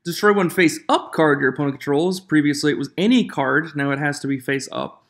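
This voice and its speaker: A man's voice: on the high side, fairly quick, fairly bright tone. A man hosting his own channel, chatting casually about rule changes in an echoey room away from his usual studio, on a different microphone, reading rule text aloud and getting worked up. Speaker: channel host. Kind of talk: casual commentary reviewing game rule changes.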